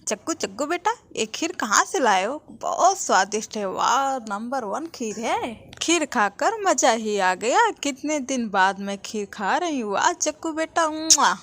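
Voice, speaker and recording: A woman's voice: a little high, sing-song, a little slow, few pauses, a bit bright, exaggerated voice. A woman voicing a friendly mother crow in a cartoon, speaking in a hearty, exclaiming way.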